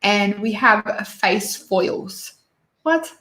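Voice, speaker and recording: A woman hosting a relaxed beauty chat, talking slowly and thinking aloud. She is opinionated, rambles through her fillers and restarts herself often. Her voice rings a little in an echoey room. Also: medium pitch. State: hiccups and sneezy. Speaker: beauty YouTuber host. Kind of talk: casual livestream chat reviewing releases.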